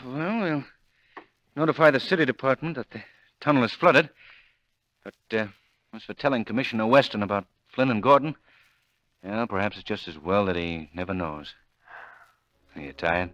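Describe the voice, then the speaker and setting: An actor playing a mysterious, commanding crime-fighter with a deliberate, theatrical delivery in 1930s radio drama style. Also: male voice, on the low side, fairly bright tone, no echo, lo-fi sound, natural voice. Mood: relieved.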